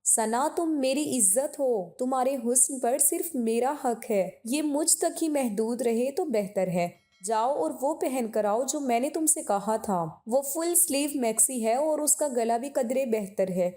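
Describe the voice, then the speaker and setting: A woman's voice: high-pitched, animated, few pauses, warm tone. A woman voicing a loving but possessive young husband in a spoken story, speaking firmly and earnestly.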